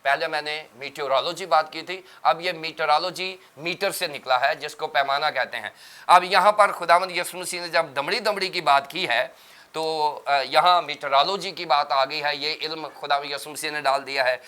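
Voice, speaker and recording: On a religious TV panel discussion, a male pastor explains terms step by step like a teacher. His somewhat high voice has a bright, forceful edge and a smooth, crisp tone.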